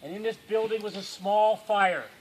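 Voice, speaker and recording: Campfire storyteller, man, very high voice, dramatic hush-to-loud delivery. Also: normal speed, a little hiss or hum, poor audio. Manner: dramatic, swings from hushed to loud. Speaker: camp storyteller.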